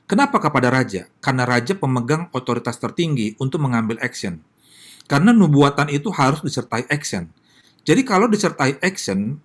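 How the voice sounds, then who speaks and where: This Indonesian-accented pastor has a mid-range voice and keeps his sermon informal while answering questions. He addresses listeners head-on, peppering his speech with tag questions.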